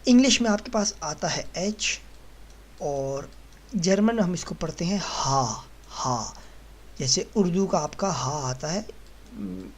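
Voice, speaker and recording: A man teaching German pronunciation in a slow lesson. He patiently explains each letter and says every sound several times while writing on a board. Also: a little high, expressive. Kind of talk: slow lesson walking through the alphabet.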